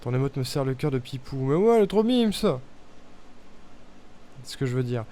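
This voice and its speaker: A man's voice: medium pitch, sing-song, moderate pace, mellow. A young man streaming a puzzle game, thinking aloud in casual chat as he tests guesses and mutters to himself. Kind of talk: casual live-stream commentary.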